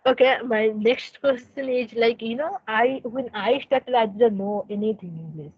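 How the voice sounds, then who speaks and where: A woman's voice: a little high, normal speed, breathy edge, no room sound. Woman, hesitant speech with fillers, dry close sound, muffled lo-fi call. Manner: hesitant, many fillers and restarts, non-native grammar. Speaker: conversation practice partner. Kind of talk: casual conversation practice. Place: indoors in a room. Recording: dry, dull lo-fi call audio.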